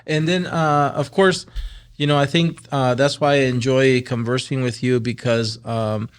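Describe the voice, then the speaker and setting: A man's voice: medium pitch, fairly even intonation, unhurried, clean tone. A man hosting an interview podcast, asking long, chatty questions with fillers, at a desk mic in a studio. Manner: chatty, thinks aloud with fillers. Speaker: podcast host. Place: wood-panelled studio set. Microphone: desk mic on a stand.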